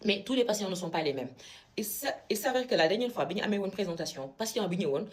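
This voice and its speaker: A woman's voice: medium pitch, fast. A young woman from Senegal, a medical student, telling a story casually and with indignation, switching between French and Wolof. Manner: animated, indignant retelling.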